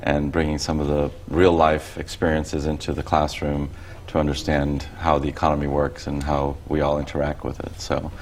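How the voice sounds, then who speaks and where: A man's voice: rumbling low, monotone, moderate pace, slight background noise. A man from Costa Rica who teaches economics, a talk show guest explaining things in a conversational way.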